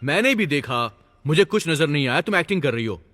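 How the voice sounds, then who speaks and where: A coaxing, lively young boyfriend. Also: male voice, fairly high pitch, a little fast, long reverb tail. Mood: reassuring. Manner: coaxing, dismissive. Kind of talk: Hindi film dub.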